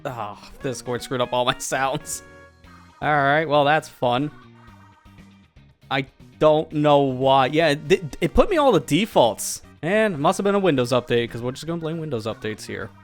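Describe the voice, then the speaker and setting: A man's voice: a little high, expressive, normal speed, soft background music. A man hosting a casual livestream from home, chatty and joking, laughing often as he talks over voice chat. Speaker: streamer host.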